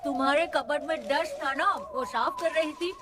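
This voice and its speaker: A cheerful, homely mother, played by a woman in a Hindi dub, chatty and teasing. Her voice is fairly high, and clear music plays behind her. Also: moderate pace, natural voice.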